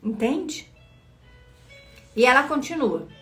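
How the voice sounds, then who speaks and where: A woman's voice: high-pitched, very animated, slow pace, sharp tone, faint music behind. Earnest woman leading a devotional. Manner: earnest, asks listeners questions directly. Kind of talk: devotional teaching reading from a book.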